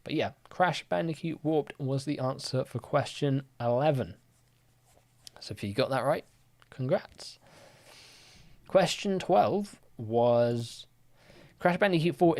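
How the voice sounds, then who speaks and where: A young man hosts a live-streamed quiz in a relaxed, chatty way. He drifts between reading questions and answering viewers with easygoing fillers. His pitch sits right in the middle for a man. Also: measured pace. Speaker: livestream quiz host.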